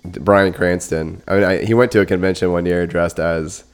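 A man's voice: low-pitched, steady tone, moderate pace. A man co-hosting a podcast in casual chat who rambles and often restarts his sentences. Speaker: podcast co-host.

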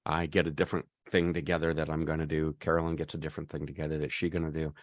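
A man's voice: a bass voice, little pitch movement, rapid-fire. A man in his fifties co-hosting a podcast, telling a long story in casual chat with many restarts. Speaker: podcast co-host.

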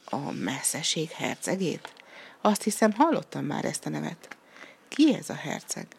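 A woman voicing a gentle tearful giant. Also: deep voice, sing-song, vocal fry, slight background noise, full character voice. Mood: puzzled.

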